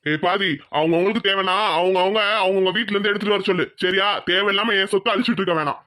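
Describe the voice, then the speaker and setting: A man's voice: high-pitched, steady tone, fast talker, pushed and bright. A man voicing a proud, miserly village father in a cartoon, scolding and lecturing his family. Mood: dismissive. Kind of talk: cartoon voice acting.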